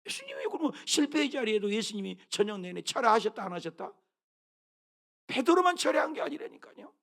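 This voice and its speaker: Lively, gravelly-voiced preaching man. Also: very high voice, fairly quick. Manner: animated preaching, swings from loud calls to hushed murmurs; keeps asking the congregation questions. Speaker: pastor. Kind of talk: sermon.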